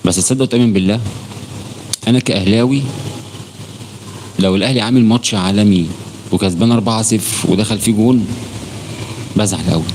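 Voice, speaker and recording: A man's voice: fairly low pitch, fast talker, pauses often, a little mellow, slight background noise. A man with an Egyptian Arabic accent hosting a casual football live stream, chatting with viewers by name and swearing oaths as he talks. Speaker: football channel host.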